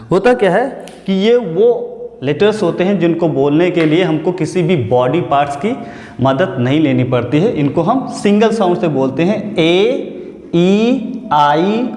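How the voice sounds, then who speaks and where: A man teaching grammar in a classroom lesson, slow and deliberate, repeating key words and asking rhetorical questions. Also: on the high side, darkish tone. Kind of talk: classroom lesson, explaining step by step. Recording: echoey classroom with long reverb.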